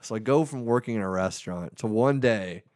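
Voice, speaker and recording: A man's voice: fairly low pitch, fairly quick, a little mellow. A man co-hosting a podcast, trading crude jokes in casual banter and laughing often. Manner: laughs often, jokey and irreverent. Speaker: podcast co-host.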